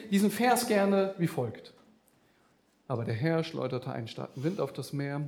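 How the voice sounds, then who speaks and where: A man's voice: high-pitched, darkish tone, reverberant. A man preaching a sermon, speaking animatedly with vivid comparisons and addressing the listeners directly.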